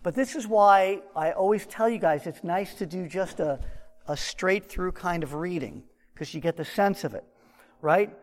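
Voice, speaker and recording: Male Bible teacher, high voice, muffled pocket recording, long hall reverb. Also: normal speed. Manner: conversational, explaining with asides. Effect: muffled, recorded from a shirt pocket.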